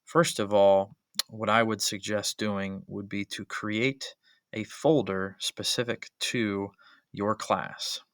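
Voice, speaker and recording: A man's voice: lowish voice, fairly even intonation, slow pace, fairly bright tone, dry recording. A male history teacher narrating a screen-recording tutorial as a voice-over, explaining each step methodically with frequent "uh" and "um" fillers.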